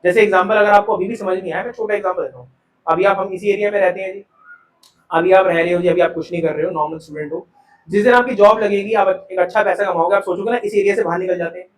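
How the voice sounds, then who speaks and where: The echoey classroom sound comes from a camera placed well back as a male teacher talks quickly through a live commerce lecture. His voice is high and bright, and he keeps asking the students questions, addressing them as "beta."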